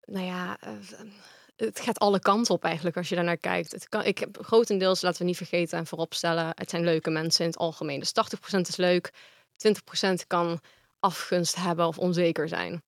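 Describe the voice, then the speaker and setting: Woman, interview guest, flat even delivery, dry close sound, frank. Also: fairly low pitch, brisk, vocal fry, dry recording. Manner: frank, talks at length. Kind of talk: casual interview talk.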